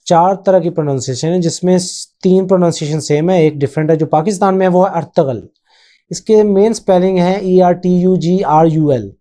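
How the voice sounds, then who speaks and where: Fairly high, mellow-voiced man rambling. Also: hardly any pauses. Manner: rambling, with frequent hesitations and English phrases mixed in. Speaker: channel host. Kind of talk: casual spoken commentary.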